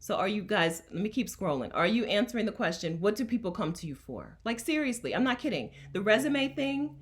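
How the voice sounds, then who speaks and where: This woman, a coach and host from Delaware, USA, keeps her casual livestream chatty and emphatic, laughing often as she talks to her chat. Her medium-pitched voice swings widely in pitch, and she speaks fairly quickly.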